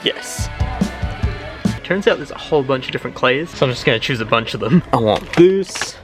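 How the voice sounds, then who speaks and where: A young man chatting casually to viewers as a vlog host, slangy, jokey and excitable. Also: mid-range voice, fairly quick, over loud music. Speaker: host of a hobby craft video channel.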